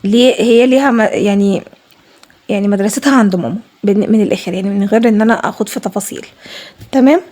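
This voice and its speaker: A woman with an Egyptian Arabic accent, a home vlogger talking casually over her cleaning footage, fast and emphatic, repeating herself. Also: mid-range voice, darkish tone.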